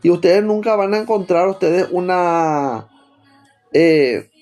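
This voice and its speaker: A man's voice: high-pitched, slow, a little mellow, soft background music. A man with a Rioplatense Spanish accent preaching a teaching sermon, stopping often to put rhetorical questions to his listeners.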